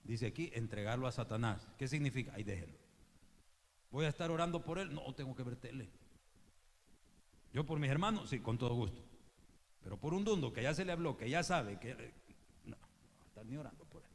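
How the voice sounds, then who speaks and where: A man's voice: mid-range voice, animated, brisk, vocal fry, long pauses. A male pastor with a Salvadoran accent preaching a sermon, emphatic and slangy with joking asides. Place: church hall. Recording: long church-hall reverb, faint background noise.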